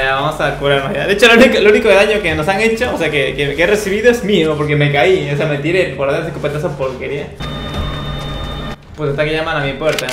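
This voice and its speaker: A man giving live commentary on his own video game, excitable and swearing as he talks to himself. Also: fairly high pitch. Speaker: gameplay streamer. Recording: echoey room with loud background noise.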